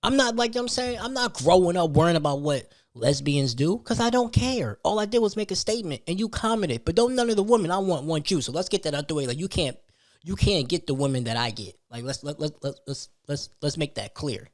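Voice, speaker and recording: This man's voice sits a little high, with lively intonation and a brisk pace. Hosting a podcast, he rants casually about something that happened to him, full of slang, emphasis, repetition, and rhetorical questions.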